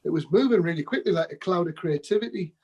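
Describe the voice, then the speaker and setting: A man's voice: on the high side, expressive, quick pace, darkish tone, breathy edge, muffled recording. A man being interviewed, telling rambling anecdotes about his music days with laughs and quotes. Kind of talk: casual storytelling interview.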